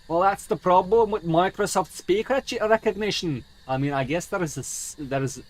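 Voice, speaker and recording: This man's voice sits high and moves at normal speed, captured on a rough recording. Streaming a game, he rambles, swears and plays it up theatrically in a fake accent he dubs a dwarf accent.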